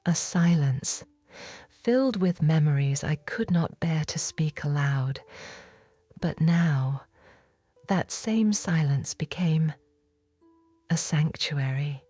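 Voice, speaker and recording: A woman voicing a repentant, forgiven woman of biblical times in a whispered role-play, telling her story in a hushed, reverent, intimate first person. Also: sits low, lively intonation, slow, pauses often, no room sound, faint music behind, exaggerated voice. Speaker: audiobook narrator.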